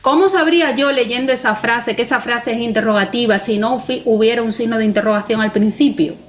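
A woman's voice: a little high, a little fast, faint music behind. A woman guest explaining punctuation in a conversation, patient and methodical, often checking in with tag questions. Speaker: Spanish language expert guest.

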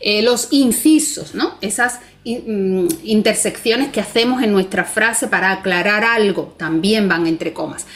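A woman's voice: mid-range voice, a little slow, few pauses, a bit bright. A woman guest explaining punctuation in a conversation, patient and methodical, often checking in with tag questions. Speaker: Spanish language expert guest.

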